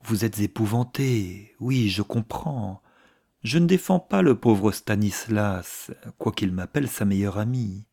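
A man reading a novel aloud, voicing an effusive, gossiping older aristocratic woman with theatrical, hushed asides. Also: lowish voice, expressive, measured pace, creaky, exaggerated voice. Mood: conspiratorial.

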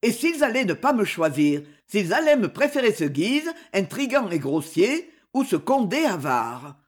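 A woman reading an audiobook, voicing a proud, ambitious aging duke speaking to his daughter in a grave, forceful tone. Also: mid-range voice, very animated, measured pace, husky.

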